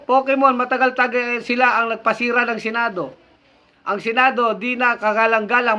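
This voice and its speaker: A man's voice: extremely high pitch, sharp tone. A man from the Philippines hosting a livestream commentary, reading viewer comments and ranting with scornful, insulting indignation while throwing rhetorical questions at his audience. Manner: fiery, scornful and insulting, often rising to indignant emphasis; keeps addressing his audience directly with repeated rhetorical questions. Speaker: online political commentator and show host.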